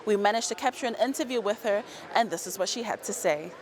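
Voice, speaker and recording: A woman's voice: mid-range voice, fast talker, slight background noise. A woman working as a television reporter, delivering scripted links and interview questions.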